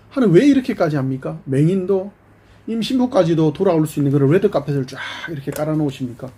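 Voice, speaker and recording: A man's voice: a little high, warm tone, breathy edge. A man preaching a sermon as pastor, animatedly voicing both God and the people in turn.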